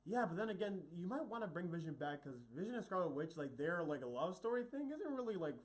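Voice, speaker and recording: A young man talking films in a relaxed back-and-forth, his voice climbing high and swooping whenever he pushes an idea. He speaks a little above the usual male pitch, with a lively, bouncing delivery. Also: quick pace. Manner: animated, pitch jumps up when making a point. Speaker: co-host of a film review. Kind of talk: casual film review chat.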